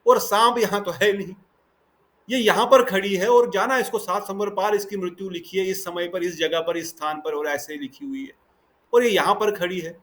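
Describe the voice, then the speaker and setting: Yamraj, the stern lord of death, lays out a fate with calm certainty, as a man voicing him tells the story in a class. The voice sits a touch high for a man and stays close to an ordinary speaking voice. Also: normal speed. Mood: explaining calmly.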